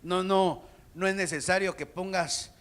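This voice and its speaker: A man, a pastor, preaching a sermon and speaking straight to the congregation, with sudden shouted peaks. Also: sits high, steady tone, a little slow, smooth. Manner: addresses the congregation directly.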